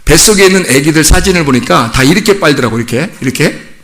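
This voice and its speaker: A middle-aged man preaches with a lively, swooping delivery and a fairly high voice. He tells vivid everyday stories and keeps asking the congregation questions. His tone is bright and forward. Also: fast talker. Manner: animated storytelling, acts out children's voices in high pitch. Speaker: pastor. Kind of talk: sermon.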